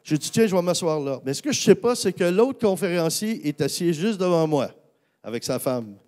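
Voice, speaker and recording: A man, a pastor with a Québécois accent, telling a personal story in a sermon, animated, with many fillers and restarts. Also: a little high, moderate pace.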